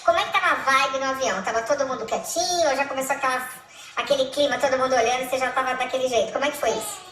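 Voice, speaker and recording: A woman with a Brazilian Portuguese accent hosting an interview, with brisk questions and short recaps. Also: sits high, a bit bright, echoey room, rough recording. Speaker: interviewer host.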